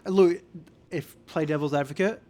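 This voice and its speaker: A man's voice: fairly high pitch, moderate pace, mellow. A thirty-year-old man, a guest on a podcast, chatting casually in a laid-back, dry way and playing devil's advocate. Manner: laid-back, dry, argues the other side. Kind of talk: casual chat.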